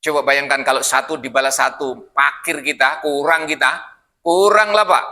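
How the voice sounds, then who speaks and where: A man preaching at a mosque Quran study, talking folksy and animated, often addressing the listeners as "Pak" and reciting Arabic verses. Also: a little high, normal speed. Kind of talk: sermon.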